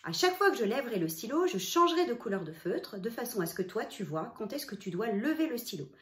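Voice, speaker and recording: A woman with a highish, sing-song voice talks quickly while teaching small children to write a letter. She guides the child stroke by stroke, addressing them directly, in a room with plenty of echo.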